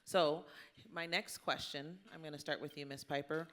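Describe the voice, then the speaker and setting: Moderating a relaxed panel before a luncheon audience indoors, a woman talks in a folksy, colloquial and encouraging way. Her deep voice is steady and fairly bright, at a moderate pace. The recording carries the sound of the live crowd in the room.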